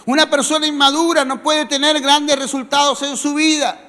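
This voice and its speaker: A man's voice: extremely high pitch, little pitch movement, normal speed, sharp tone. A man with a Rioplatense Spanish accent preaching a sermon as a pastor, talking to the congregation in a conversational way with questions and fillers. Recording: long reverb of a large hall.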